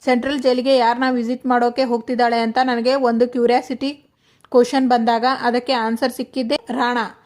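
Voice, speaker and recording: A woman with a Kannada accent reading the lines of a stern young man explaining an investigation, in an even way. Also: a little high, fairly quick, natural voice.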